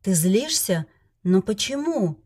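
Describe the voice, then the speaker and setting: A woman voicing a calm male dragon lord who speaks low and muffled, apologizing. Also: slow, breathy edge, heavily acted. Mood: hushed.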